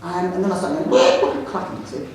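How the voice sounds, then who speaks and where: A man with a London accent, a headteacher giving a jokey, animated talk to an audience. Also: sits high, moderate pace, a little hiss or hum. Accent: London English. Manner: jokey storyteller, animated, self-mocking. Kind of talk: anecdotal presentation to an audience. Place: large hall with audience. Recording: echoey hall, speaker far from mic.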